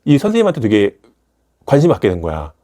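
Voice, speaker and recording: A man's voice: on the low side, wildly swooping pitch, fast, dark tone. A man giving a casual commentary on a manga, retelling its scenes and acting out the characters' lines in shifting voices. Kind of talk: animated storytelling commentary.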